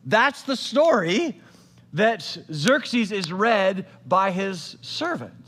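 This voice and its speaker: A man with a high voice preaches a sermon. He retells an old scripture story like he is chatting with friends, dropping in modern slang and asides. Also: lively intonation, very slow, bright, forceful tone, big-room sound, slight background noise. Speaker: pastor.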